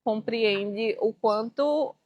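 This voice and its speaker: A woman teacher and school coordinator with a Brazilian accent, speaking in a composed, measured interview. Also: fairly high pitch, no echo, dull audio.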